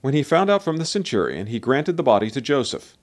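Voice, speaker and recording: A man reading a Bible chapter aloud in a solemn, expressive way, with a lot of rise and fall in his voice. His pitch sits in the middle range for a man. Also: fairly quick. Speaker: scripture reader. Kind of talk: scripted Bible narration.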